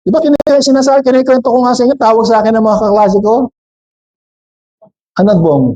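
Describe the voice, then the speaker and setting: A man's voice: very high voice, fairly even intonation, a little fast, mellow, lo-fi sound. A man with a Filipino accent preaching a sermon, switching between Tagalog and English, questioning and joking with the congregation. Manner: jokes with the congregation.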